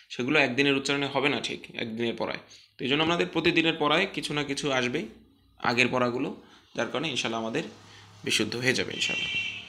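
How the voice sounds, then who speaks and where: Male recitation teacher, bright tone, patient drill-and-repeat delivery. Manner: patient, repeats each syllable for students to echo; chants drill syllables louder and higher than his explanations. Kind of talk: online recitation lesson.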